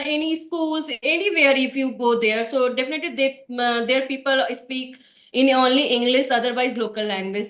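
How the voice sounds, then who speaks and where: A woman's voice: high voice, a bit bright. A woman from Bihar with an Indian accent, practicing English in a casual conversation and speaking hesitantly with many fillers and restarts. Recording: echoey, dull lo-fi sound.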